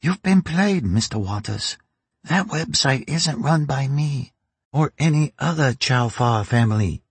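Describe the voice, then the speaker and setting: A man voicing a dry, sly, ruthless old woman who runs a crime family, in a raspy, mocking audiobook voice. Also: medium pitch, expressive, unhurried, no room sound, voice pushed up, full character voice. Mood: defiant. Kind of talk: audiobook character reading.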